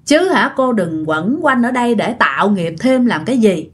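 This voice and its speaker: Woman voicing a calm funeral chanter man. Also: a little high, normal speed, breathy edge. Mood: admonishing. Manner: gently admonishing. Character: male village funeral chanter, calm and admonishing.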